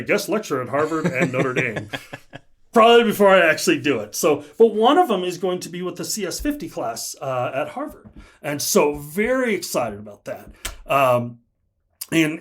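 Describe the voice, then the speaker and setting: A man, a guest on a podcast, chatting casually and telling stories with lots of laughter and restarts. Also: fairly high pitch. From United States. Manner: animated storyteller, laughs often, many restarts.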